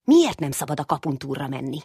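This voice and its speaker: A woman's voice: rumbling low, sing-song, dark tone, breathy edge, no echo, studio quality, heavily acted. A woman voicing a small, chubby, curious boy mouse who keeps asking questions and whines. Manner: whiny, endlessly questioning.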